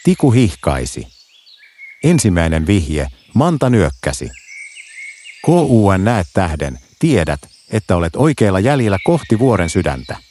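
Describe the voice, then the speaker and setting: A man narrating a children's bedtime story in a gentle, lilting way. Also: low voice, big pitch swings, a little hiss or hum.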